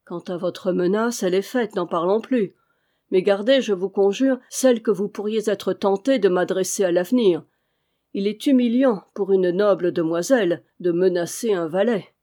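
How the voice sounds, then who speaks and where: A woman's voice: medium pitch, normal speed, dark tone, lightly acted. A woman reading as a cynical mocking valet. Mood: insolent. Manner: smooth, insolent, coolly ironic.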